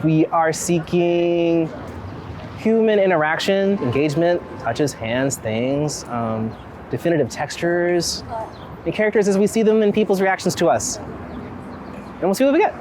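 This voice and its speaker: A street photographer from Philadelphia is interviewed while walking outdoors on city streets, chatting in a wry, rambling, thoughtful way. His voice sits in the mid range with a darkish tone, and traffic and passing vehicles fill the street ambience behind him.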